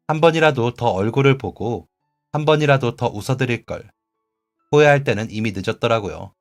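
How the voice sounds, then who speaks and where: Sincere male café regular, gentle and heartfelt, mid-pitched, faint music behind, read by a man. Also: lightly acted. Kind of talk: radio drama reading.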